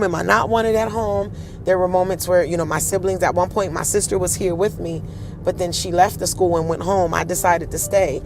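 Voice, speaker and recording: Outdoors, a woman with a deep, husky voice leads a relaxed storytelling tour. She's animated and acts out the voices of the people she quotes.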